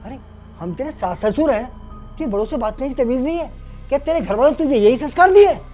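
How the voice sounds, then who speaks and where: Actor as aggrieved old father-in-law, high-pitched scolding, soft music under, skit drama. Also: animated, fast. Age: older. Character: indignant elderly father-in-law.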